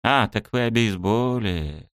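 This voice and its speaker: A man's voice: on the low side, animated, normal speed, smooth, no echo, clean studio sound, close to an everyday voice. A man voicing a flustered, stubborn young male student in an audiobook, defensive and exasperated. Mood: grumbling. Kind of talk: audiobook character voice.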